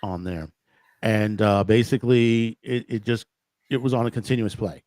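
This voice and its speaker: A man's voice: on the low side, normal speed, a little mellow, no echo. Rambling man in casual chat. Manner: rambling, restarts often, storytelling. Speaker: host.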